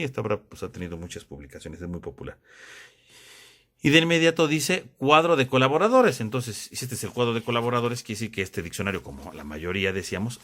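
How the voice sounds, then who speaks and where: A man's voice: fairly low pitch, fairly bright tone. A man teaching a theology lesson, explaining step by step and checking in with tag questions. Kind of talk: classroom lesson.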